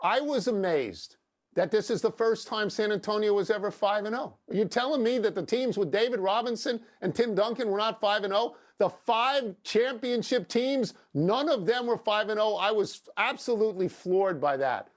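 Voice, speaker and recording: High-voiced older man, sarcastic sports host. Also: moderate pace. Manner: sarcastic, needling, teasing. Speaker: sports talk show co-host. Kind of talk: sports debate banter.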